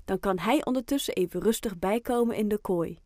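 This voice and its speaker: Woman doing a kind, gentle childcare worker. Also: mid-range voice, brisk, dry recording, clean studio sound, lightly acted. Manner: gentle and friendly. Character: kind cheerful female after-school carer. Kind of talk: children's audiobook voice acting.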